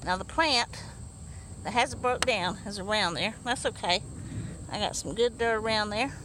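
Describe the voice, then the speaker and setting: A woman's voice: medium pitch, normal speed. A woman talking casually while working in her backyard garden, chatty and rambling with lots of fillers and restarts, out of breath from hours of yard work. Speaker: home gardener. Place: backyard garden bed, outdoors. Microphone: phone or camera held while working. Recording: faint outdoor noise.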